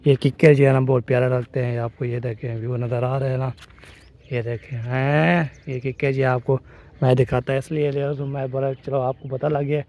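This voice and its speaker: A man's voice: mid-range voice, little pitch movement, brisk, a little mellow. A man vlogging casually to camera on his phone while walking outdoors in hot village fields, rambling and repeating filler phrases. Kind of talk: casual family vlog to camera. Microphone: phone camera held while walking.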